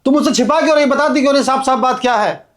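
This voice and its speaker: A man's voice: extremely high pitch, very fast. A man playing a suspicious, prying blind elderly father-in-law who keeps calling out and questioning insistently, in an amateur drama skit. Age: older. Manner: calls out repeatedly, insistent questioning.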